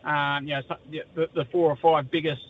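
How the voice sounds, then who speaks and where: Muffled, higher-voiced Australian man talking sport. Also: little pitch movement, a little fast. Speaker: sports correspondent. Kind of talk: live radio sports interview chat. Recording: muffled, low-fi line with faint noise.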